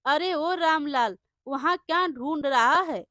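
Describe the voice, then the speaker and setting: An impatient old village uncle, played by a woman storyteller, scolds and waves the listener off. The voice stays high and bright, with a slow and emphatic delivery. The sound is close and dry. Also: no room sound, exaggerated voice. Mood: scolding. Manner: scolding, dismissive. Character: gruff older village man, scolding and impatient.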